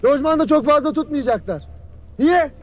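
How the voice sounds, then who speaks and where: An actor playing a stern army captain who berates his soldiers with harsh scolding and sudden shouts. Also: extremely high pitch, animated, moderate pace. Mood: berating. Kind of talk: film drama acting.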